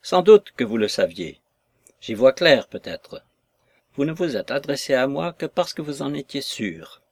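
A man's voice: mid-range voice, big pitch swings, unhurried, a little mellow, no echo, pitched above the performer's own voice. A male reader voicing a proud, vengeful female maid who speaks with sarcasm and contempt. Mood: scornful fury.

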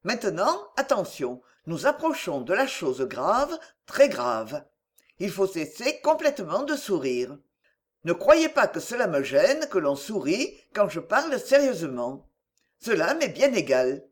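Woman reader for a dramatic first-person tale, unhurried, with a sweeping pitch. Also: very animated. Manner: conspiratorial, addressing the listener directly. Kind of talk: dramatic literary reading.

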